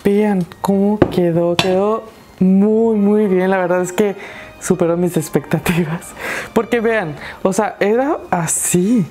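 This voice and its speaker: A young woman with a Mexican Spanish accent speaks slowly at a medium pitch while hosting a craft tutorial. Her talk is casual DIY chatter as she works, encouraging her viewers along the way.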